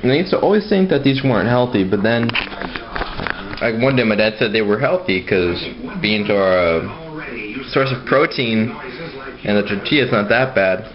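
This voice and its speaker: A young adult male vlogger talks casually to a handheld camera held at arm's length, his voice on the low side and animated at a moderate pace. A crowd can be heard behind him, and the camera audio is muffled and noisy.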